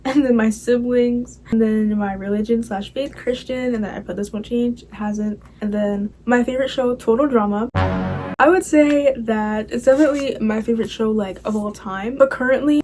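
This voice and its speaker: Embarrassed teenage girl reading her diary, higher-pitched voice. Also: a little mellow, a little hiss or hum. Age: teens. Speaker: vlogger. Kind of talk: reading aloud from old diary with casual asides.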